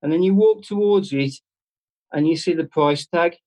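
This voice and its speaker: This is a man delivering a short, heartfelt devotional talk to his congregation. His voice sits somewhat higher than most men's. He speaks in a plain, chatty way, often stopping and restarting mid-phrase. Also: a little mellow, low-quality recording. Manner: earnest and conversational, with halting restarts. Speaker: church speaker.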